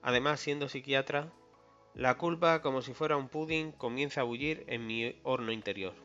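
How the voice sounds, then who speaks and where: A man's voice: medium pitch, normal speed, bright, forceful tone. A man reading a first-person novel aloud in a wry, conversational storytelling manner. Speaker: audiobook reader. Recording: slightly muffled, faint music behind.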